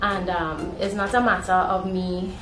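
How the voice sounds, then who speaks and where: A young woman born in Guyana and living in Trinidad chats casually to camera in a vlog, speaking with a Trinidadian accent from a room at home. Her voice is fairly low and steady, at a measured pace. The recording has a roomy echo with background music playing.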